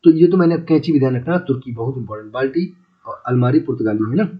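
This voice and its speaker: A man with a mid-range voice moves quickly through a casual Hindi lesson aimed at exam prep. He repeats key words, checks whether listeners are following, and chattily calls them brother and friends, all on slightly dull lo-fi audio.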